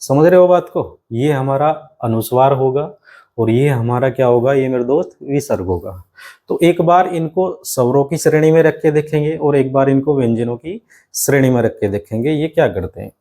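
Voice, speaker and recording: A man's voice: medium pitch, moderate pace, dark tone. A man teaching a grammar lesson for exam students, explaining step by step with many rhetorical questions and often addressing the students as his friends.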